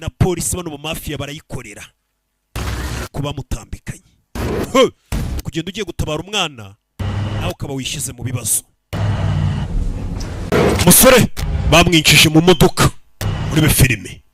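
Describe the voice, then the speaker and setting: A man with a Rwandan accent gives excited, exclamatory commentary as he retells and translates an action film, often throwing in short interjections. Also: a little high, brisk, pauses often, very noisy. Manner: animated, exclamatory, with repeated interjections. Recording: loud film soundtrack behind the voice. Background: loud film music and vehicle sounds.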